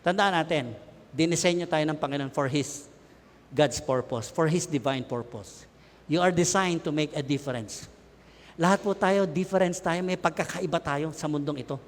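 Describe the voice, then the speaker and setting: A middle-aged Filipino man preaching a lively sermon, joking and shouting with his congregation. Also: on the high side, moderate pace, slight background noise. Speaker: pastor. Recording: long hall reverb.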